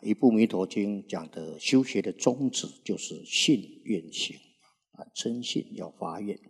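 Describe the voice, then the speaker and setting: An older Buddhist monk in his sixties preaches slowly, with long "ah" fillers between his phrases. His voice is low, gravelly and husky, and it carries a long reverb, as though recorded in a large hall. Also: a little mellow. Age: 60s. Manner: unhurried preaching, frequent drawn-out "ah" fillers. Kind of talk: Buddhist sermon.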